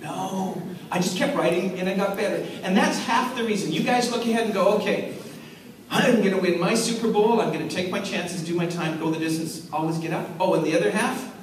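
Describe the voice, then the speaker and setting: A man, an author, giving a lively talk to schoolchildren at an assembly. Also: high-pitched, a little fast. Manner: animated storyteller, acts out voices and hums riffs. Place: school hall with audience. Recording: echoey hall from far off, noisy.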